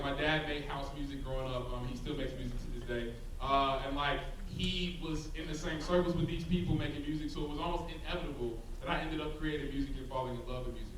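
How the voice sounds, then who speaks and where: In an echoey hall, a laid-back young man with a fairly high voice rambles through a casual talk for students, dropping plenty of "like" and "um" fillers. He is a rapper from the South Side of Chicago, speaking as a guest before a live audience in a large hall. His handheld mic captures him from afar, along with the crowd's noise.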